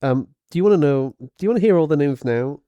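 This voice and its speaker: A man with a mid-pitched voice that swings widely co-hosts a podcast in casual chat. He trades dry wisecracks and laughs often. He sounds close and dry, with no room around him. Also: lively intonation, fast, dark tone, no echo, dull audio. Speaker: podcast co-host.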